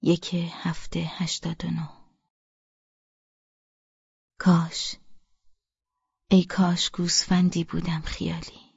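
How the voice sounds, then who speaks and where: Woman reading as a despairing young wife, flat, gravelly. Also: fairly low pitch, pauses often, dry recording, highs cut off, full character voice. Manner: flat, hushed, often whispered. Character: despairing young wife writing a farewell note.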